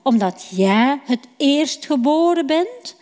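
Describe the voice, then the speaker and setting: Bargaining younger brother, coaxing and sly, a woman reading him, slow-spoken, hall echo. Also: high voice, expressive, a little mellow. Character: scheming younger brother, calm shepherd. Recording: reverberant hall.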